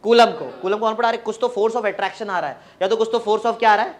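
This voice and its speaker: A male teacher giving a classroom physics lecture with an Indian accent from the Marathi-speaking region, coaxing students to repeat definitions aloud in drawn-out chants. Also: high-pitched, fairly even intonation. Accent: Indian, Marathi-region Hindi.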